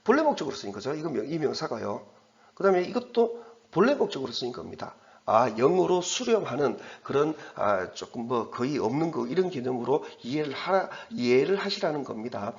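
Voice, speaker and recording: A man's voice: mid-range voice, sing-song, fairly quick, muffled recording. A man teaching English from an exam passage in a recorded lecture, explaining as he goes and correcting himself with fillers and restarts.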